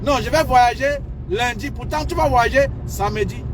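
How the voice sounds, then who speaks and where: A man's voice: extremely high pitch, normal speed, background noise. A man giving casual, emphatic advice in a vlog, repeating his points as he lectures. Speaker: advice vlogger.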